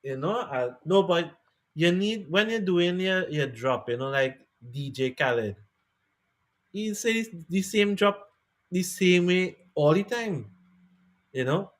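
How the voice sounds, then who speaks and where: Guy hosting a music podcast, kinda high voice, laid back and chatty. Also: slow. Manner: relaxed, chatty, encouraging. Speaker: podcast host and DJ. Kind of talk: casual interview chat.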